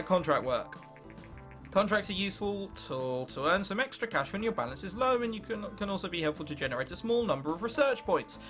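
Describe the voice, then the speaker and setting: A young Englishman of about nineteen hosts a gaming video, joking casually and reading game text aloud in an English accent. His voice is high, bright, and forceful.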